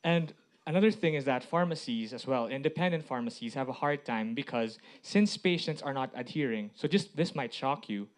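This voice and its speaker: A man's voice: medium pitch, expressive, normal speed. A man from the Philippines giving a public presentation in short phrases, often posing rhetorical questions. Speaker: IT director presenting as a speaker.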